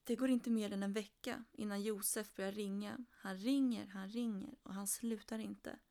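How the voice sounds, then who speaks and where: A woman narrating a true crime story in a steady, flat retelling. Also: medium pitch.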